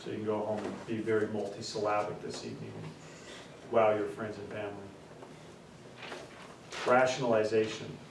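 A man with a fairly low, flat voice and some vocal fry lectures as an instructor in an echoey indoor classroom, recorded from a far camera amid background noise. He explains through repeated examples, slowly stressing key terms.

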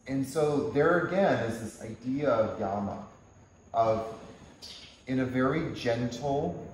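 A man giving a workshop-style yoga lecture in a gentle, unhurried way, with frequent chuckles. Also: medium pitch, distant mic, slight background noise. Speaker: yoga teacher. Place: teaching hall at a yoga retreat center. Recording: echoey room.

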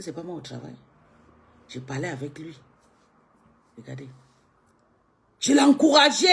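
A woman from Cameroon, scolding a critic in a combative monologue, swinging from low mutters to high outbursts. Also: husky. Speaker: live streamer answering a critic. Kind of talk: heated monologue on a live video.

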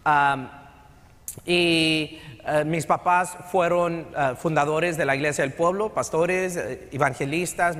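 A middle-aged Texan pastor with a voice on the high side and a fairly bright tone delivers a conversational sermon, mixing English into his Texan Spanish. He stands on a large sanctuary stage, and the long hall reverb fills the recording.

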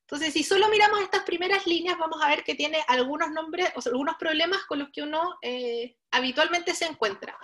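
High, bright woman teaching code. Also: brisk. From Chile. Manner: patient, explains step by step and addresses the learners directly. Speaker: workshop instructor. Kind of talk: live online coding tutorial.

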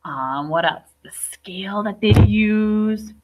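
A young woman teaching in a classroom reads a picture book to small children, adding questions and asides to explain things simply. She speaks at medium pitch and slowly, and the recording sounds muffled.

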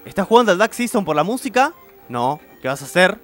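A man's voice: high voice, very animated, fairly quick, a bit bright, soft background music. A young man with a Rioplatense Spanish accent commenting nervously on a horror game, yelping at the scares. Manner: jumpy, nervous, yelps at scares. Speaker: gameplay streamer.

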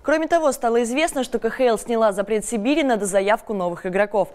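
A woman's voice: fairly high pitch, fast talker, darkish tone. A young woman reading scripted sports news as a studio anchor.

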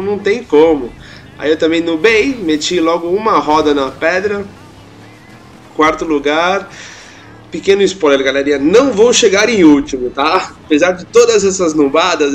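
A man's voice: fairly high pitch, slight background noise. A young man with a Brazilian Portuguese accent, casually commenting over his own gameplay, joking about his mistakes and laughing often. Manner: self-mocking, chatty, laughs often.

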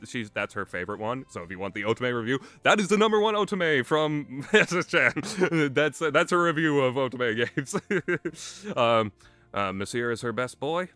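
This game reviewer's mid-range voice has a sharp tone. He chats casually and emphatically, rambling through his opinions while background music plays beneath.

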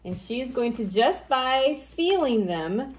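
A woman's voice: high voice, very animated, slow. A woman, a children's pastor, leading a children's church lesson with a craft, talking playfully and explaining step by step to kids.

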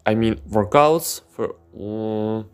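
This slow-speaking man from Ukraine runs a fitness channel and here gives an easygoing podcast monologue from pillows indoors. His English is halting and filler-heavy, Russian being his native tongue, and his voice is on the low side with a clean tone.

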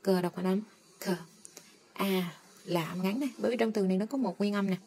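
A woman teaching English phonics, slowly drawing out and repeating each sound as she models it. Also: mid-range voice, mellow, slightly rough. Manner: slow, drawn-out modeling of sounds. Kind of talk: phonics lesson.

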